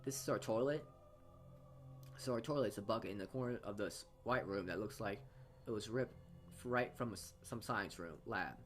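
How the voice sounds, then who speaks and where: On a gaming video, a man with a lowish voice reads a visual novel at normal speed. He makes offhand comments and often stumbles over or repeats words, with game music playing in the background.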